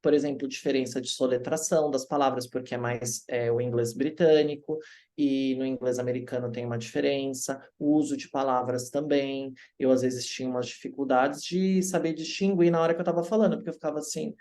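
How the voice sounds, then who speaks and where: A man from Brazil, an English teacher telling stories in a casual interview, lively and acting out the voices of people he quotes. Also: mid-range voice, brisk. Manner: animated, acts out quoted voices.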